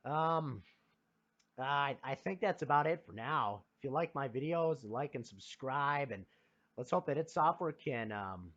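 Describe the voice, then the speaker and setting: Youngish guy doing an opinionated game review, kinda high voice, emphatic and dramatic, bit lo-fi. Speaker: gaming video creator.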